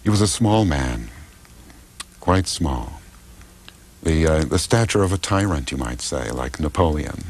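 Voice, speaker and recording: Older man with a very deep voice. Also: expressive, a little slow, long pauses, a little mellow, breathy edge. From United States. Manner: thoughtful, hesitant, many fillers and restarts. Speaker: political philosopher and translator. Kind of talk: interview answers.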